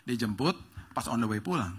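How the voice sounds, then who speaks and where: A man pastor telling a story in a sermon, acting out the dialogue with rising excitement. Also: medium pitch, fairly quick, slightly rough. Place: church stage.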